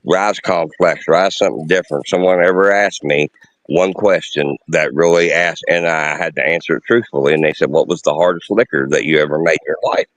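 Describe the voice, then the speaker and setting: A man's voice: rumbling low, steady tone, brisk, no echo, rough recording. A man, chatting casually and explaining things in a folksy, emphatic way like an experienced craftsman. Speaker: experienced distiller. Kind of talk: casual chat, explaining distilling.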